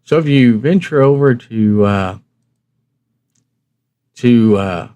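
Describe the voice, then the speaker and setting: Slow, expressive and mellow, a man's mid-range voice comes through cleanly as he hosts a hobby livestream. He explains things casually and folksily, raising his own questions and then answering them.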